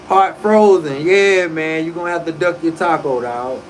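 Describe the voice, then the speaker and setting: A man in his forties rambling through a casual livestream, his voice sitting a little high for a man. He talks in loose, profane slang, often restarting his sentences mid-thought. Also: normal speed, slight background noise, low-quality recording. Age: 40s. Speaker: livestream host.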